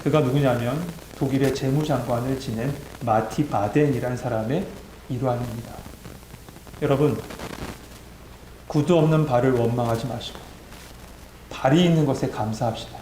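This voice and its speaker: A man's voice: mid-range voice, normal speed, pauses often. A male pastor preaching a sermon to his congregation. He exhorts his listeners and builds to emphatic peaks. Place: church sanctuary. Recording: echoey church sanctuary with faint hum.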